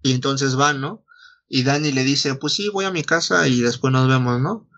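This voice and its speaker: A man's voice: medium pitch, normal speed, fairly bright tone. Dull-sounding recording, slangy Mexican man telling stories. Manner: slangy, foul-mouthed, acts out dialogue. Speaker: podcast host retelling a story. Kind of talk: casual chat, storytelling.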